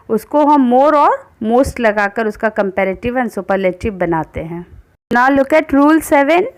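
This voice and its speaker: A woman teaching English grammar, reading each rule out slowly and then explaining it in Hindi, asking and answering her own questions. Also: high voice. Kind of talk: explanatory lesson.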